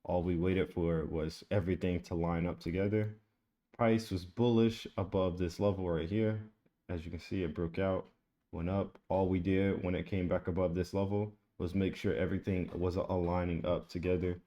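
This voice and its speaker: This trading educator has a deep, dark voice with a steady tone and a normal pace. He runs a casual screen-share lesson, talking his way through an on-screen chart in a loose, repetitive manner.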